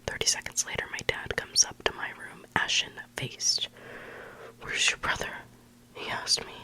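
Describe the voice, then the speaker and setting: Someone reading spooky bedtime stories as ASMR in an intimate, hushed whisper, very close to the microphone, with slow, lingering pauses.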